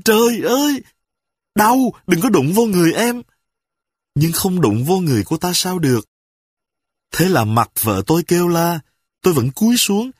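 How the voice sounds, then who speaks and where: A man reading a humorous story aloud with lively, dramatic storytelling. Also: medium pitch, slightly rough, no echo, clean studio sound.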